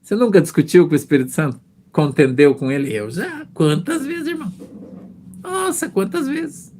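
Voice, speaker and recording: A middle-aged pastor preaching in a fairly high, lively voice. He tells stories about himself, voices both sides of his talks with God, and keeps turning to the congregation as "brother". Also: moderate pace. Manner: storytelling, addresses listeners as brother, acts out dialogues. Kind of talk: sermon.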